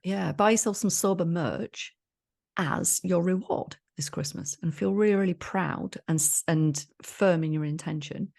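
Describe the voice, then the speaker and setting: A woman's voice: fairly low pitch, measured pace, vocal fry, darkish tone. A woman co-hosting a podcast, chatting in a jokey, enthusiastic way. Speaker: podcast co-host. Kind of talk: casual chat.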